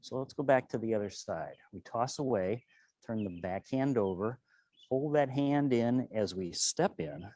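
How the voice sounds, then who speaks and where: A man teaching tai chi and qigong, calmly and serenely cueing each movement step by step. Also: medium pitch, measured pace, dry recording. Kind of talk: tutorial movement cues.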